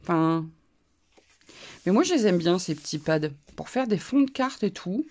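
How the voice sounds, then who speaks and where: Showing off her crafting haul, this YouTuber rambles through frequent asides in a relaxed, chatty way, her northern French accent clear. She speaks at a normal pace, animated, with a lowish pitch and a darkish tone.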